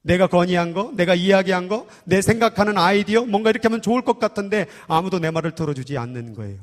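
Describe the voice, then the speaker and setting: A man's voice: high voice, expressive, quick pace. A man in his thirties preaching a sermon as pastor, talking conversationally and teasing the congregation with questions. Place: church sanctuary. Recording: long church hall reverb.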